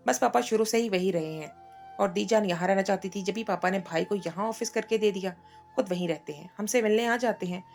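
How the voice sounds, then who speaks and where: A woman voicing a young wife in a read-aloud story, gentle and hurt, with a gravelly voice. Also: mid-range voice, brisk, faint music behind, lightly acted. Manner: pleading, hurt. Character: young woman, sweet and wounded, stubborn.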